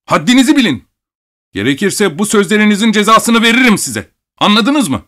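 A man voicing a hot-tempered rich nobleman who yells in a shrill voice. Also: expressive, moderate pace, lightly acted. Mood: outraged. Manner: shouting, outraged.

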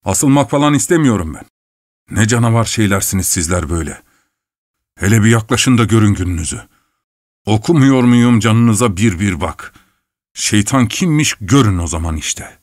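A man voicing a furious, defiant male killer who shouts threats in an audiobook reading. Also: fairly low pitch, expressive, normal speed, dry recording, studio quality, natural voice. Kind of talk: audiobook character voice.

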